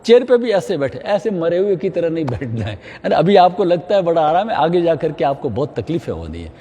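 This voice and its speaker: A man's voice: a little high, very animated, a little fast, warm tone, long reverb tail, a little hiss or hum. A middle-aged man leading a yoga class, giving step-by-step instructions and often checking in with "है ना?". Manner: mixes English phrases into Hindi, frequent "है ना?" check-ins.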